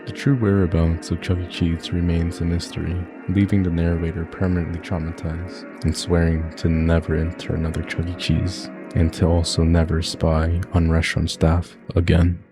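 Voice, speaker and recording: A man reading scripted horror story narration as a YouTube narrator, in a steady, even retelling. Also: sits low, moderate pace, few pauses. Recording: music playing behind.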